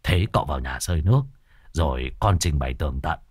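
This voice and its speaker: A man voicing a brash young village man with a low, rough, curt way of talking. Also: lively intonation, fast, no echo, studio quality, heavily acted. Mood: fawning.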